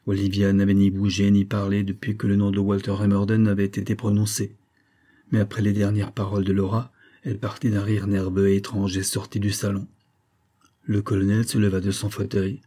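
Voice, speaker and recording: A man reading a novel aloud as an audiobook narrator, in a steady, measured way. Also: lowish voice.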